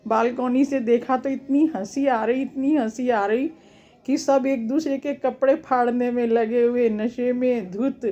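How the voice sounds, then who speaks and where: A woman recounts a family memory in a homely, storytelling manner. Her voice sits a little high yet sounds mellow and warm. The recording is slightly dull and lo-fi. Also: steady tone, a little slow. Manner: homely, recalls family memories with acted quotes. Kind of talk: personal storytelling.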